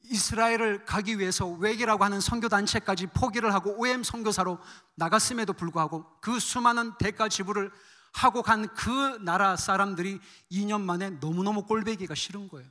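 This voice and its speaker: A man's voice: high-pitched, brisk, pushed and bright. A male missionary preaching a sermon at a church service, telling his story with animation and putting questions to the congregation.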